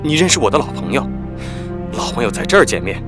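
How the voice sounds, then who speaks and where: A man's voice: medium pitch, sing-song, quick pace, close to an everyday voice. A man voicing a tense young man who pleads in agitation, with music behind. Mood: agitated. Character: tense young man, a cornered undercover agent.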